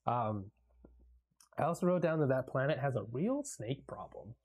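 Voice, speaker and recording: A man with a dark, mellow voice and a slightly husky edge talks movies in a loose, excited way. He swears freely, laughs a lot and acts out favorite lines. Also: mid-range voice, moderate pace. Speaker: podcast co-host. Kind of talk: casual movie review chat.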